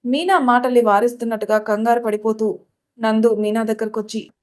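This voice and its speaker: A woman narrating a story in a steady, scripted reading. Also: a little high, a little fast.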